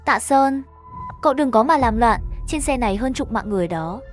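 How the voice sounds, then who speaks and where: A high-voiced woman narrates a scripted horror animation story and performs the dialogue along the way. Her delivery is animated and moderately paced, with faint music underneath.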